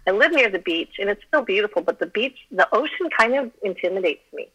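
Heard over the phone, this podcast guest has a husky, medium-pitched voice with a fairly bright tone, speaking quickly and animatedly. A middle-aged woman from Colorado, USA, whose first language was Chinese, she keeps the casual interview chat giggly and self-deprecating.

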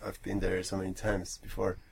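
A man's voice: deep voice, monotone, a little fast, creaky, darkish tone, a little hiss or hum. A young man chiming in on a casual group chat with short remarks and slightly unidiomatic phrasing.

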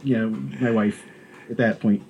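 A man co-hosting a podcast in casual chat, rambling and animated, with many restarts and fillers. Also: on the low side, moderate pace, muffled recording, noisy background. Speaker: podcast co-host.

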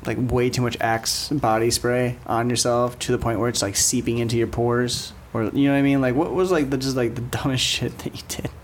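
A man's voice: medium pitch, fairly even intonation, fairly quick, few pauses, a little hiss or hum. A man hosting a casual podcast chat, rambling with lots of fillers. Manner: rambling, filler-heavy, giggly.

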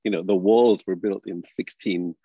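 An older man from Northern Ireland with a Northern Irish accent, speaking as a drama educator in a thoughtful, halting way with many restarts. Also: deep voice, fairly even intonation, husky, dry recording, narrow, tinny audio. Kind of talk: reflective interview talk.

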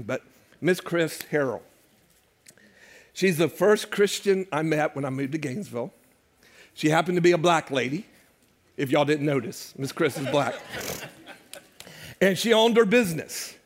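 An older man preaching a sermon as pastor to his church, conversational and joking with the congregation. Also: fairly high pitch. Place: church sanctuary.

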